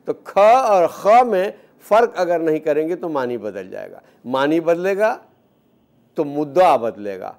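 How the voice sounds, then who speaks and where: Measured lecturer, a man. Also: fairly high pitch, sing-song, vocal fry, darkish tone. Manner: measured, explanatory, with repeated examples. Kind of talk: educational lecture.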